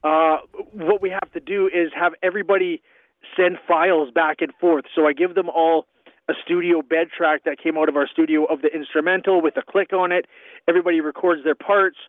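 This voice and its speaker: A man's voice: on the high side, fairly even intonation, fairly quick, dry recording. A man speaking as a guest musician and producer, giving easygoing, rambling explanations in a casual interview. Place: home in northern Canada. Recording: tinny dry phone-like line.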